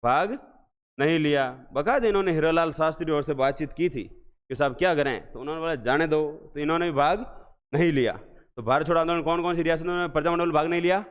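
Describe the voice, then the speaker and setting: A man teaching an exam revision class, asking questions again and again and answering them slowly and with emphasis. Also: a little high, smooth. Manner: drills students with repeated questions, slow emphatic answers. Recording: echoey hall, dull lo-fi sound.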